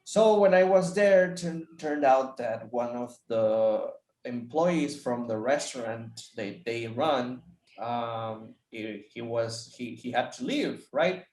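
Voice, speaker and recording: A man's voice: mid-range voice, slow pace, a little mellow, roomy sound, rough recording. A Mexican man with an accent, a teacher telling his story in casual chat, with many restarts and repeated words.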